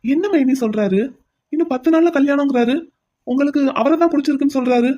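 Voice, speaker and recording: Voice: high voice, quick pace, warm tone, dull audio, lightly acted. A voice actor doing a brash pleading young man. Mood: insistent. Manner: insistent, pleading. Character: brash young man pining for his brother's sweetheart.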